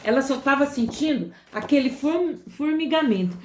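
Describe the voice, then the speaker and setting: A woman telling a dramatic story to children, animated, with sound effects and fillers. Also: high-pitched, moderate pace, a little hiss or hum. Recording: roomy echo.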